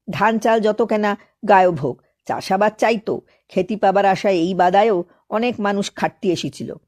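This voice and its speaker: Read by a woman, a sly village man with a spins his tale in a folksy, confiding way. He keeps hinting at more than he says. His voice sits at an ordinary middle pitch. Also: a little mellow, natural voice. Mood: explaining. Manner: folksy, addresses listener as babu. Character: sly rural man, laughing, full of hints.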